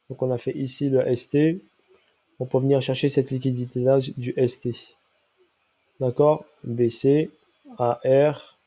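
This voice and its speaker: A man's voice: mid-range voice, warm tone. A man with a stuffy nose and a nasal voice from a cold, walking viewers through a trading chart and stopping often to check that they follow. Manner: explanatory, checks in with listeners often. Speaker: crypto trading analyst. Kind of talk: chart analysis walkthrough.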